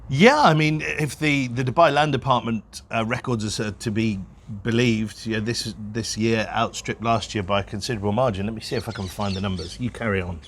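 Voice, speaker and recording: Speaking briskly in a fairly low but rather bright voice, this man is a real estate broker who co-hosts a property podcast. The chat is casual and unscripted, and he wanders off on tangents while making fun of himself.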